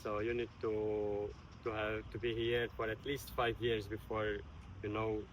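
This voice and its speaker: A man's voice: on the low side, level tone, unhurried, a little hiss or hum. A man from Syria, a guest on an interview, explaining visa steps in a friendly, hesitant way with many fillers. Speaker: guest, hotel HR worker. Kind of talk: casual interview. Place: outdoor park.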